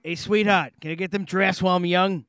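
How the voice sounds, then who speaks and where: A man's voice: high voice, fairly even intonation, brisk, a bit bright, no echo, studio quality, voice pushed up. A man voicing a brash working-class barfly ordering drafts. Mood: cocky.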